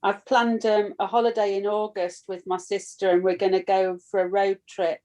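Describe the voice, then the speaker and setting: A woman's voice: mid-range voice, level tone, normal speed, darkish tone. A woman, a class participant chatting easily on a call. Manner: easygoing, talks at length about her plans. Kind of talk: casual video-call chat.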